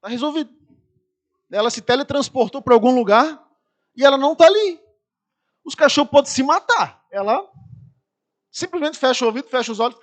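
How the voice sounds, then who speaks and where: Brazilian pastor, very high male voice, animated storyteller who acts out scenes from the pulpit. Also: fairly quick, pauses often. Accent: Brazilian Portuguese. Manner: lively anecdotes, acts out screaming people. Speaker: preacher. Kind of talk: storytelling sermon.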